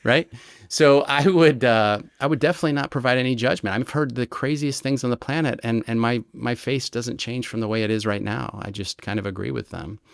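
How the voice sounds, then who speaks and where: A man, a retired American federal agent, explaining his methods in an interview with lively examples and frequent "right?" checks. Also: medium pitch, a little fast, vocal fry, hardly any pauses, dry recording, studio quality. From United States. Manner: animated storyteller, explains with examples and rhetorical "right?". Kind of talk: conversational explanation.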